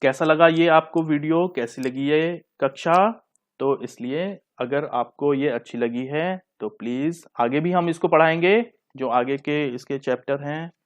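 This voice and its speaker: A man's voice: on the high side, a little slow. A man teaching a Hindi grammar lesson. He explains step by step, asks his class questions and answers them himself, and often repeats and rephrases terms.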